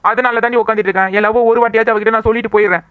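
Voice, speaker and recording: A woman's voice: fairly high pitch, steady tone, rapid-fire, dry recording, narrow, tinny audio, lightly acted. Cartoon lover boy, a young man pleading his heart, voiced by a woman. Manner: earnest, pleading.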